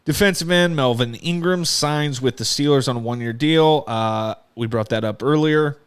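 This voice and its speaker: A man's voice: mid-range voice, moderate pace, clear, resonant tone. A man co-hosting a casual sports podcast, running the news and segment transitions in an upbeat, jokey way. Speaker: podcast co-host.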